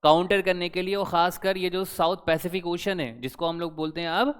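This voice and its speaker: A man's voice: high-pitched, fairly even intonation, brisk, fairly bright tone, clear, resonant tone. A young man teaching current affairs for exam preparation, chatty, constantly quizzing his students with questions. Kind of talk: exam-prep lecture. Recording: long hall reverb.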